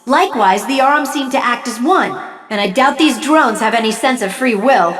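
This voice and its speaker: An actress playing a kindly guiding goddess in a video game, composed and reassuring, with a distant, reverberant sound. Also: female voice, fairly high pitch, animated, normal speed, a bit bright. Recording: roomy, distant, long reverb.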